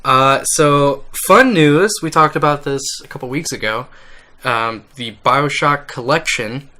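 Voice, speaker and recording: A man co-hosting a casual gaming news podcast, excitable and joking, swearing freely. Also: medium pitch, measured pace. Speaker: podcast co-host.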